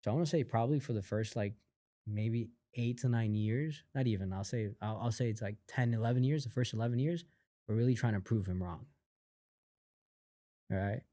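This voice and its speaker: A man guesting on a podcast, telling a personal story in a casual, animated way, acting out what others said, with lots of fillers. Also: medium pitch, moderate pace, no room sound, studio quality. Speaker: podcast guest, company founder.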